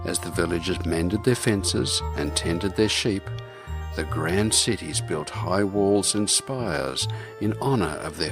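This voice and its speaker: Music plays distinctly in the background as a very deep-voiced man narrates and hosts a radio program. He speaks in a theatrical, scripted way that unfolds like storytelling.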